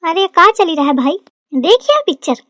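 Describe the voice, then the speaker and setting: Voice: very high-pitched, animated, normal speed, bright, forceful tone, no room sound, clean studio sound, heavily acted. एक cartoon comedy का नटखट, छेड़छाड़ करने वाला देहाती देवर, जिसे एक कलाकार आवाज़ दे रहा है, कानपुरी लहजे में। सुर काफ़ी ऊँचा है और आवाज़ सूखी, पास की।. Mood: teasing. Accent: Kanpuri rural Hindi. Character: cheeky young village man, brother-in-law Kallu.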